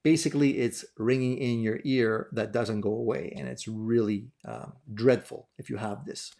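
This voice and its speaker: A man's voice: medium pitch, steady tone, moderate pace, creaky, warm tone. A man hosting a gear video channel, talking casually to camera as he answers viewer questions, easygoing, with frequent fillers and restarts. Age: adult over thirty. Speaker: guitar gear channel host.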